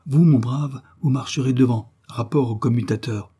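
A man's voice: medium pitch, normal speed, dark tone, breathy edge, pitched above the performer's own voice. A man voicing a pompous, blustering police commissioner who barks orders in a raised voice. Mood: commanding. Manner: bossy, repeats "no doubt about it".

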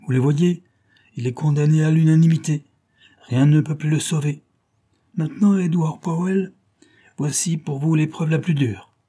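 The cold leader of a secret criminal society, voiced by a male audiobook reader, pronounces his sentences in a raised, solemn voice. His tone is dark and husky, and each line sounds like a verdict. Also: a little high, fairly even intonation, moderate pace, long pauses, pitched above the performer's own voice, natural voice. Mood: menacing. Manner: solemn, commanding, menacing. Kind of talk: audiobook character reading.

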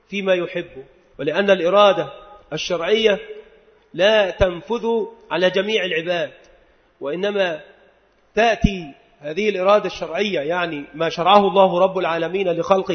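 A man teaching a lesson on creed and grammar, explaining step by step, asking and answering his own questions, and reciting quoted verses more slowly. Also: sits high. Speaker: religious teacher. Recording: dull lo-fi recording with long reverb.

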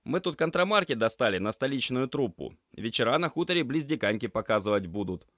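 A man reading an audiobook, voicing a cheeky young male cat student who teases his friends in a loud, lifted voice. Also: medium pitch, big pitch swings, brisk, dry recording, studio quality, pitched above the performer's own voice. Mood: teasing. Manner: teasing, boisterous.

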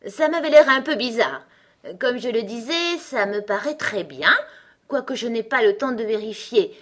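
A woman voicing a pompous, touchy male egg who lectures in a scornful, lofty way, with a husky voice. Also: on the high side, lively intonation, normal speed, a bit bright, pitched above the performer's own voice. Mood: haughty. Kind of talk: storybook reading.

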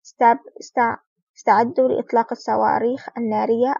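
A woman voices a big, gruff male yacht captain with a gravelly voice. The tone is dark and husky. The recording is dull and lo-fi. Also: on the high side, little pitch movement, fast, no echo.

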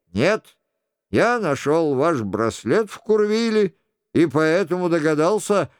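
A man's voice: fairly high pitch, darkish tone, clean tone, no room sound, clean studio sound. A man reading the part of a cheerful, dashing young nobleman with a ringing, jovial voice in a storybook reading.

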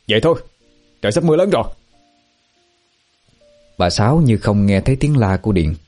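A man reading a ghost story aloud as a storyteller, in an even, unhurried narration. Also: deep voice. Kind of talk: scripted horror narration.

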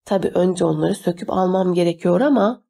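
A woman's voice: lowish voice, brisk, vocal fry, mellow, breathy edge. A woman voicing a cocky young man who speaks boastfully and matter-of-factly.

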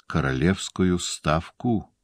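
A desperate, tearful young woman, as a male narrator puts her on in a storybook reading. He lifts his deep voice high for her begging, close and dry. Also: expressive, slow pace, no room sound, full character voice. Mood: pleading. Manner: pleading, raised and strained.

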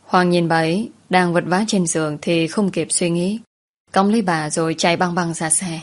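Woman reading a story out loud, lowish voice, soft and steady. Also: normal speed. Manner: soft, even storytelling, voicing every character herself. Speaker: narrator. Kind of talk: storytelling narration with acted dialogue.

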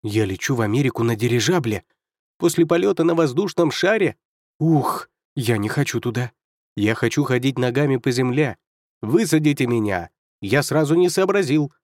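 A man's voice: mid-range voice, animated, normal speed, a little mellow, dry recording, clean studio sound, natural voice. A man voicing a bewildered young man. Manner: plaintive, mumbling, confused. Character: bewildered, fretful young man out of his depth. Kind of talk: audiobook character voice.

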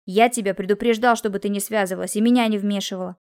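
A woman's voice: medium pitch, steady tone, quick pace, darkish tone, close to an everyday voice. A woman reading the part of an irritated male lawyer, cold, rude and dismissive. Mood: curt. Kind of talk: audiobook character reading.

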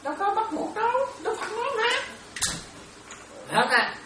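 A Buddhist nun delivers a dharma talk, often stopping to ask her listeners whether they follow. Her woman's voice swings widely in pitch. The sound is distant and roomy, with faint ambience behind it. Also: big pitch swings, normal speed, background noise. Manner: questioning listeners often, repetitive. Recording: echoey room, distant mic.

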